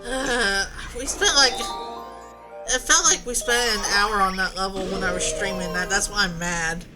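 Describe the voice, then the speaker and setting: A woman co-commentating a let's play with dry, quick quips. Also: medium pitch, over music, poor audio. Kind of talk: casual game commentary.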